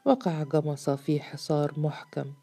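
A woman narrating a literary story with a measured, formal reading. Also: low-pitched, vocal fry, mellow.

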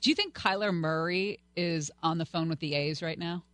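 A woman's voice: lowish voice, moderate pace, a bit bright, no room sound. A woman co-hosting a talk radio show in a casual, conversational way. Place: radio studio.

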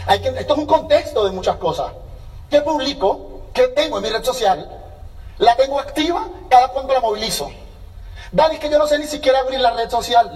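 A man speaking at a business seminar in an energetic, motivational way, acting out little dialogues as he goes. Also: very high voice, far from the mic. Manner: energetic, acts out dialogues with changing voices.

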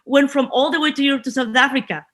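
A woman's voice: high-pitched, quick pace, fairly bright tone. A woman hosting a podcast interview, introducing her guest with enthusiasm and asking questions. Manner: enthusiastic, scripted-sounding introductions. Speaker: podcast host.

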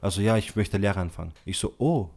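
A man's voice: low voice, steady tone, fast, vocal fry, a little mellow. A man hosting a casual chat. He talks in loose slang, leans on "so" and "bro" in nearly every phrase, and acts out the other people's lines when he tells a story. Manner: tells stories acting out quoted dialogue. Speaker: podcast host.

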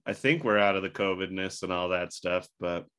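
A podcast host with a slightly low voice and a bright, forward tone talks in a loose, joking, rambling way. He is fighting a bad case of the hiccups as he chats. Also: normal speed, clear, resonant tone. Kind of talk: casual chat.

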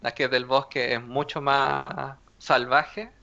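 Gravelly, bright man on lo-fi audio. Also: medium pitch, flat delivery, slow pace. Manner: brief agreeing interjections, informal. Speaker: podcast co-host. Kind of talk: casual film review chat. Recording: dull lo-fi audio.

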